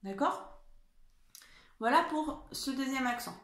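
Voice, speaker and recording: Patient teacher lady, a bit high voice, echoey room, keeps asking the kids if they follow. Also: slow, fairly bright tone. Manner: patient, encouraging, checks in with frequent "d'accord?". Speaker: primary school teacher. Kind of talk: home-schooling spelling lesson for young children. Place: room at home.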